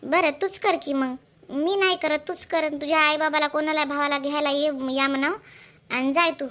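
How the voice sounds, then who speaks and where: A woman's voice: sits high, fairly even intonation, normal speed, a bit bright. A woman playing a sly, sweet-talking mother-in-law. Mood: coaxing. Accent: Marathwada Marathi. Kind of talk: village family comedy skit.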